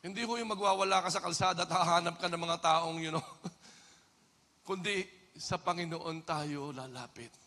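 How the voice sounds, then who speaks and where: A Filipino man preaches in a church hall with a high, very bright voice. He drops low and quiet, then climbs to loud, pleading shouts. A long reverb trails every line. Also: normal speed. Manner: switches between hushed and shouted passages. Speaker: pastor. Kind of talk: sermon.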